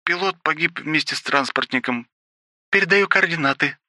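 Man doing a scratchy weary maid, high and rough, audiobook reading. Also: normal speed, bright, forceful tone, no room sound, clean studio sound.

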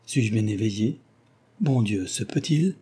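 A man voicing an ardent young gentleman suitor. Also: lowish voice, expressive, a little slow, slightly rough. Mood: passionate, pleading. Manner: passionate, earnest, insistent. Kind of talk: audiobook reading.

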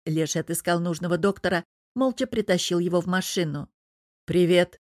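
A woman narrating an audiobook in a steady storytelling manner. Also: fairly low pitch, fast, no room sound, studio quality.

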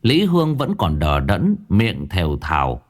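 Low-voiced male horror storyteller. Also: wildly swooping pitch. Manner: slow, dramatic, drawing out sound words. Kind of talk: scripted horror story narration.

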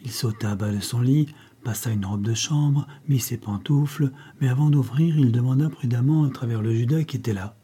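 A man's voice: medium pitch, normal speed, slightly rough. A man narrating a novel as an audiobook, telling it steadily and voicing the characters. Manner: steady storytelling with voiced characters.

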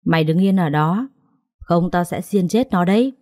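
A woman's voice: fairly low pitch, moderate pace, warm tone, dry recording, studio quality, lightly acted. A woman voicing a cruel, scheming sister-in-law who talks in a harsh, contemptuous, threatening way. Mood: menacing.

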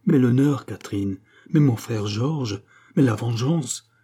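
A man's voice: medium pitch, measured pace, warm tone, husky. A man reading an audiobook who voices a young nobleman, earnest and solemn, torn between love and duty.

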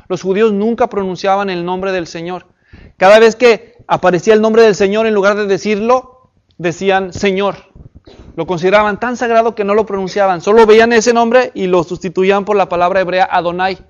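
A man teaching the Bible to a group in sermon style. He checks in with his listeners and reads scripture aloud slowly and deliberately. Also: sits high, muffled recording. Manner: addresses the audience with questions and check-ins. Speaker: preacher teaching a Bible class.

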